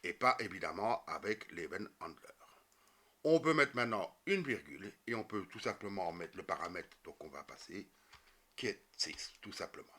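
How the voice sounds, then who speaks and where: A man's voice: low-pitched, lively intonation, normal speed, pushed and bright. A man explaining a coding tutorial step by step, with many fillers and self-corrections. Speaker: programming tutorial teacher. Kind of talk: screen-recorded coding tutorial.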